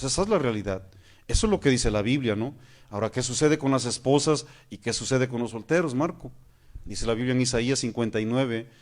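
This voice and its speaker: A man's voice: medium pitch, darkish tone. A man, a pastor preaching a sermon. He asks his listeners questions and keeps calling them "hermanos". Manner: acts out praying voices mid-sermon.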